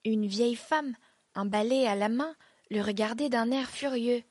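A woman's voice: a little high, normal speed, darkish tone, dry recording. Woman reading a classic tale, dry close sound. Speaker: audiobook narrator. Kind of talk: scripted narration of a classic story.

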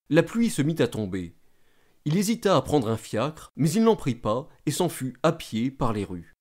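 Man, story narration, expressive, animated pitch, measured delivery. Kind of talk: reading a classic short story aloud.

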